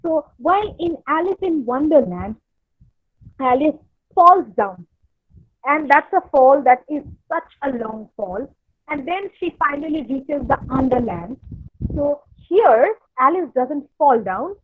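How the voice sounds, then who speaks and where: A woman lecturer with a high voice, talking a literature class through a text in an online session. She pauses often, with fillers and false starts. The sound is dry and tinny, like a phone line. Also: expressive, dry recording. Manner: hesitant, many fillers and restarts. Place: home, online workshop.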